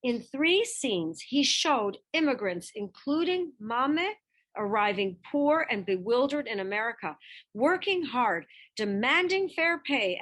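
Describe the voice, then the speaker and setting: In a voice that's a little high, a woman reads aloud a scripted picture-book biography. She's expressive throughout and places her emphasis deliberately.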